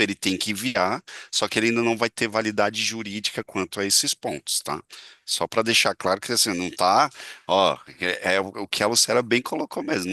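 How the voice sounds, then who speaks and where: Man, panelist, lowish and forceful tone, dry close sound. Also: no room sound. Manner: informal, checks in with "tá?". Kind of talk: explanatory live-stream talk.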